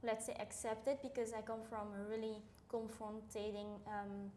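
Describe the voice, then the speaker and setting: A woman's voice: mid-range voice, little pitch movement, normal speed, warm tone, roomy sound. A young woman from Cambodia, co-hosting a podcast in casual chat, talking earnestly with many fillers and restarts. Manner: rambling, filler-heavy, earnest. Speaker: podcast co-host.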